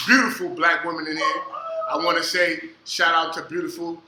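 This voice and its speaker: Loud joking high-voiced male podcast host. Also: flat delivery, fairly quick, roomy sound, a little hiss or hum, poor audio. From United States. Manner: loud, joking, slangy banter. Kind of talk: casual podcast interview.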